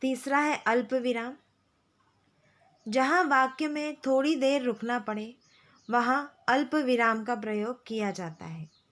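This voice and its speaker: A woman teacher explaining grammar to schoolchildren, slow and patient, repeating key phrases. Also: fairly high pitch, a bit bright. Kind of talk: classroom lesson explaining grammar.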